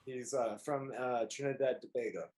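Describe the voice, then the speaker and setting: A man co-hosting a casual podcast chat, telling stories with animated energy and playful put-on voices, recorded at home on a call. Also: medium pitch, moderate pace. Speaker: podcast co-host.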